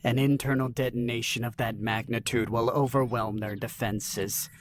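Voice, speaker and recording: A man voicing a grim, resolute alien starship captain who gives low, clipped commands. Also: fairly even intonation, normal speed, noisy background, lightly acted.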